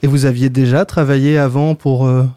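A man hosting a radio interview, introducing guests and asking halting questions with many fillers. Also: mid-range voice, level tone, dark tone, clean tone, dry recording. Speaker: radio host.

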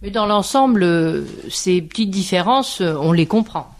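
A man's voice: sits high, animated, moderate pace. A man hosting a radio language show, asking short questions and closing the segment. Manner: brief prompts, wraps up the show. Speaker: radio host.

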